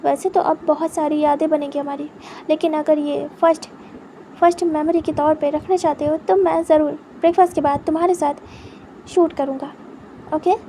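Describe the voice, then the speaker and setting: A curious, easygoing young man, as a woman reading a story puts him on. He speaks up a little louder in a high, mellow voice with an even tone. He sounds like a storybook figure. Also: moderate pace, slight background noise. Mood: friendly. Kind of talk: storytelling fan fiction aloud.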